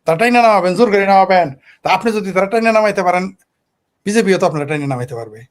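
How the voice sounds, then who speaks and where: A man's voice: sits high, lively intonation, fast. A man from Bangladesh with a Bangladeshi Bengali accent, giving heated political commentary on a talk show and firing off rhetorical questions. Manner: combative, fires rhetorical questions.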